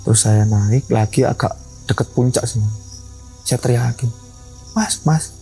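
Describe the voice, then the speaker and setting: A man's voice: mid-range voice, little pitch movement, moderate pace, mellow, faint music behind, low-quality recording. A young man, a mountain ranger and guide telling a story in an interview and acting out its dialogue. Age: young adult.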